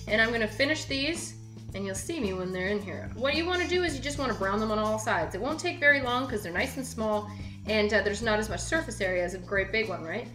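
A young woman hosting a home cooking show, talking casually and brightly straight to the viewer while she works in her kitchen. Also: mid-range voice, expressive, brisk. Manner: chatty, upbeat, talks straight to the viewer. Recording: roomy kitchen with music behind.

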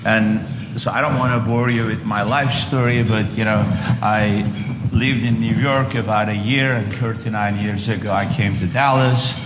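A Turkish-accented real estate developer in his 60s from Istanbul, Turkey, tells his story as an onstage guest at a large hotel ballroom luncheon, with many fillers and restarts. His lowish voice is steady and moderately paced, picked up by a lapel mic. The very noisy recording is echoey with long reverb, loud dish clatter and clinking cutlery.

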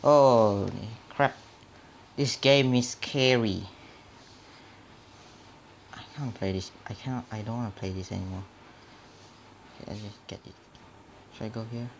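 A man's voice: on the low side, measured pace, pauses often, a little hiss or hum. A man playing a horror game and commenting on it, jumpy and nervous, often dropping to a whisper and muttering mild curses to himself. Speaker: gamer. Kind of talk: horror let's play commentary.

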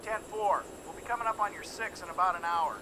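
An actor playing a search pilot who speaks over CB radio in clipped radio lingo, his voice distant under loud aircraft noise. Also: sits high, fairly quick.

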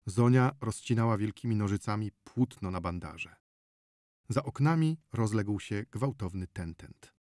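A man reading an audiobook novel in a measured, steady narration close to the mic. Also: on the low side.

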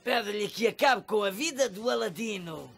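Creaky, villainous cartoon frog vizier. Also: male voice, sits high, lively intonation, moderate pace, fairly bright tone, soft background music, exaggerated voice. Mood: angry. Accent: European Portuguese. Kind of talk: Portuguese cartoon dub.

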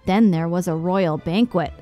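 A woman reading a children's picture book aloud in an expressive, sing-song way. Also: on the low side, normal speed, soft background music. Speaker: storyteller.

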